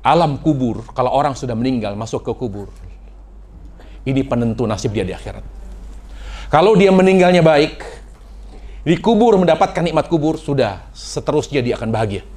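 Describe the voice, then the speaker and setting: A man preaching a sermon to a congregation, dramatic, swinging between loud exclamations and hushed, near-whispered lines. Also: medium pitch, lively intonation, moderate pace, pauses often.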